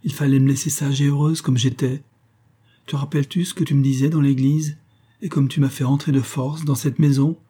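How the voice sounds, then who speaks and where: A man's voice: mid-range voice, level tone, moderate pace, hardly any pauses, darkish tone, husky. A man reading an audiobook, voicing a desperate older woman who pleads with her lover and reproaches him plaintively. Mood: pleading, wounded. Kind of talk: audiobook character voice.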